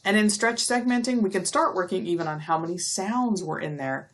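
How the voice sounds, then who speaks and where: A middle-aged woman giving a recorded lecture, explaining step by step and stretching out speech sounds slowly to demonstrate them. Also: medium pitch. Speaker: university lecturer.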